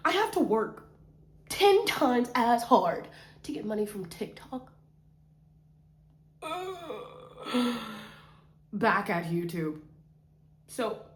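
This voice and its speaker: Speaking into her camera mic, a fairly high-pitched woman vlogger rambles casually, slow and drawn out. She's playful and pokes fun at herself, slipping now and then into sing-song bits, while her bedroom gives off an echoey sound.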